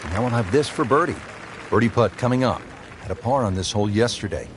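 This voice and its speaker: A man doing a measured golf announcer. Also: on the low side, very noisy, close to an everyday voice. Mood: calm. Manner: calm, measured play-by-play calls. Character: male TV golf play-by-play announcer. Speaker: golf play-by-play commentator. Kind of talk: scripted video game golf commentary. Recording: game audio with music and crowd.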